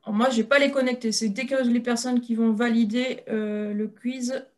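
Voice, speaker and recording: A woman presenting an online webinar, explaining step by step with frequent hesitant filler pauses. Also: on the high side, steady tone.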